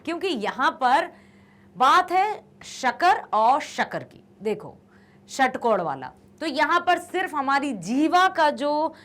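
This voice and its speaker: A woman teaching a grammar lesson, explaining patiently and repeating each word slowly. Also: high-pitched, sing-song, fairly bright tone.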